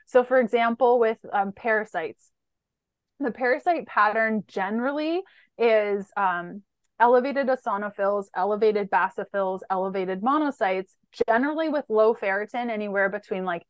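A woman's voice: fairly high pitch, dry recording. A woman, a holistic nutritionist being interviewed, who explains at length and lists lab markers one after another in a methodical way.

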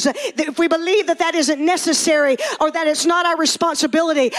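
A woman pastor preaching a fervent sermon in church, shouting and calling out to the congregation. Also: high-pitched. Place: church sanctuary.

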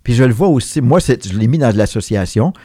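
A man's voice: mid-range voice, animated, fairly quick, mellow, husky, no room sound, studio quality. A middle-aged man with a Québécois French accent, a guest who co-leads a veterinary association, speaking in an earnest, reflective way in casual conversation.

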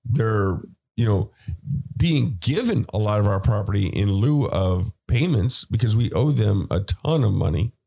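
A man's voice: on the low side, lively intonation, measured pace, creaky, warm tone. A man hosting a podcast, giving casual political commentary in a conversational way with fillers and asides. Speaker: podcast host.

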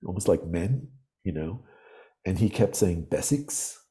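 A man in his sixties, a podcast guest, telling reflective, vivid stories at an unhurried pace with frequent pauses. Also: deep voice, lively intonation, dark tone. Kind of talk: storytelling interview.

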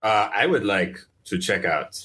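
A man's voice: on the low side, animated, a little slow, bright, forceful tone, slightly rough. A man talking casually as a player at a tabletop game. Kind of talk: casual chat.

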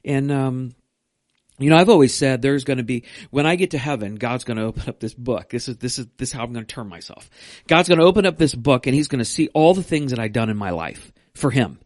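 A man's voice: mid-range voice, expressive, fast talker, darkish tone, dry recording, clean studio sound. A man who is a minister, chatting casually about faith and upcoming church events. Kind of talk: casual church podcast chat.

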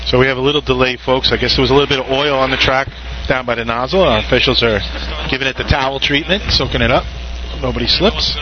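Male trackside commentator, mid pitch, informal and chatty, muffled audio, heavy background noise. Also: quick pace, few pauses. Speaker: race commentator. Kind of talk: casual live commentary and storytelling.

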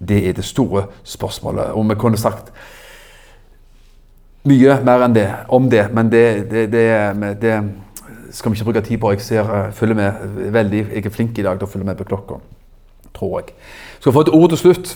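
Animated Norwegian preacher man. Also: on the low side. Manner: animated, rising emphatic exclamations; asks the audience questions. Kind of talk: sermon.

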